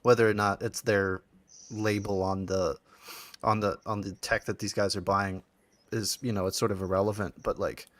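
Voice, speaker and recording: A man's voice: fairly low pitch, flat delivery, moderate pace, no echo. A man in a casual chat, speculating in long run-on thoughts.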